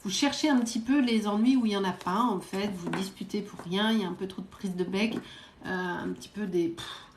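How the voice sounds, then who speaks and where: A woman psychic medium giving quick readings to viewers during a live stream, direct and coaxing, often adding little verbal tags. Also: mid-range voice, echoey room, slight background noise. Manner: brisk, direct, coaxing, peppered with "hein" and "euh".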